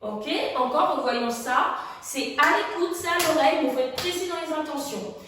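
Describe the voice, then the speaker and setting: A woman's voice: high voice, lively intonation, normal speed, fairly bright tone, a little hiss or hum. A woman teaching a dance routine, giving firm and precise instructions and sometimes singing a phrase. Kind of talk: dance tutorial explanation. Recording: echoey studio from far off.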